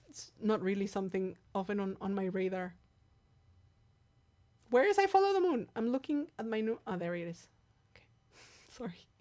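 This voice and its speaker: Live-streaming to her viewers, a singer with a Mexican accent and Spanish as her native tongue talks in a casual, candid way, with many restarts and repeated words. Her voice is medium-pitched and warm.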